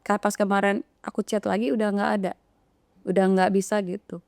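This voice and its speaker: A woman's voice: mid-range voice, flat delivery, brisk, gravelly, darkish tone, no room sound, studio quality. A woman, retelling a painful story in an interview and acting out the dialogue with hesitant restarts. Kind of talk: emotional retelling of events.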